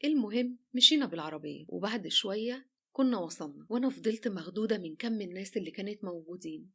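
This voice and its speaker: Egyptian woman telling a love story, chatty, lively, fast. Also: mid-range voice, gravelly, slightly rough. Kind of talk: first-person romance story narration.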